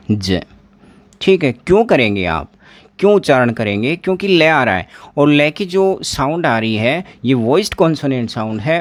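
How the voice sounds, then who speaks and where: A man leads an exam-prep pronunciation lesson at an unhurried pace. His pitch sits in a middle range. He repeats each example and asks his students questions. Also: no echo. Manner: slow, repeats words and asks the class questions. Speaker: teacher.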